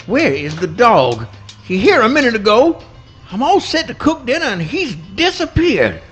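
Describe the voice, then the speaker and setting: Radio comedy possum: rustic speech, plaintive, gentle-tempered, extremely high pitch, lively swoops. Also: male voice, normal speed, breathy edge, soft background music, full character voice. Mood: folksy, puzzled. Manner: folksy rustic dialect, plaintive. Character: good-natured, put-upon little male swamp possum. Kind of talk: live comic radio play reading.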